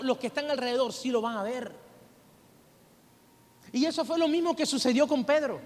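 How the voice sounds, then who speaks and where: A man's voice: very high voice, in a large hall. A Venezuelan man preaching a sermon as pastor, telling a story and animatedly acting out the voices in it. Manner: animated, acts out quoted voices. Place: church hall.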